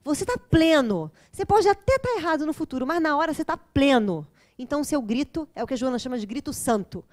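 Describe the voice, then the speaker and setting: A woman's voice: sits high, lively intonation, fast talker, darkish tone. A woman with a Brazilian Portuguese accent giving a spiritual lecture to an audience, chatty and joking, often asking her listeners to agree.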